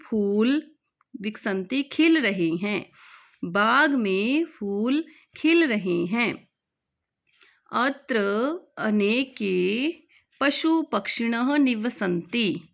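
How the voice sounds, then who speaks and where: A woman teaching a Sanskrit lesson in Hindi, reading each word and then repeating its meaning, clearly and patiently. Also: a little high, fairly bright tone. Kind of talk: slow explanatory lesson.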